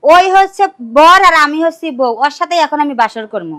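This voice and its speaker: A young woman playing a scheming young woman who talks briskly and gives orders. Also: high voice, lively intonation, a bit bright, no room sound, clean studio sound. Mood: bossy. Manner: brisk, sly and commanding. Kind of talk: comedy TV play acting.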